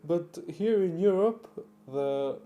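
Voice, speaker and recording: Teen male car vlogger, unhurried, mellow tone, halting delivery with fillers. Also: high voice, lively intonation, lo-fi sound. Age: teens. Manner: halting, many fillers and restarts. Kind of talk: casual vlog talk.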